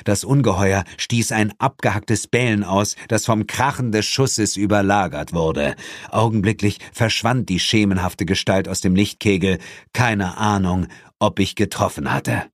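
A man narrating a first-person story in a lively, mock-dramatic way. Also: on the low side, unhurried, no room sound, studio quality. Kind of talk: first-person audiobook reading.

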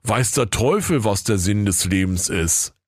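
A man's voice: fairly low pitch, expressive, a little slow, no echo, studio quality. A man voicing a weak, starving male villager who speaks limply and listlessly, in a comic storybook tale. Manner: limp, listless.

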